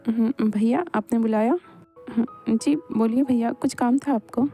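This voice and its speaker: A woman's voice: on the high side, fairly even intonation, a little slow, mellow, soft background music. A woman voicing a polite, respectful younger brother in a Hindi fan dub, giving deferential replies.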